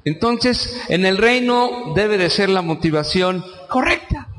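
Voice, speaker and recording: A male pastor with a Mexican accent delivers an animated sermon, regularly turning questions out to his congregation. His voice sits fairly high for a man. It carries a long reverb that fills the church hall. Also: slow.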